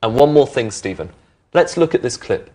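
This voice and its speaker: Brief: male teacher, middle-aged, lively intonation, patient. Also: medium pitch, moderate pace. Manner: clear, patient, explanatory. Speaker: presenter of an English lesson. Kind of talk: friendly teaching explanation. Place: indoor studio with brick walls.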